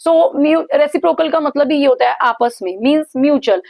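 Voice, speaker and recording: Woman, grammar teacher, high voice, dry close sound, slow careful examples. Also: vocal fry, a little mellow, dry recording. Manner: explains in Hindi, slows down to read English examples; frequent hesitation fillers. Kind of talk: Hindi-English grammar lesson.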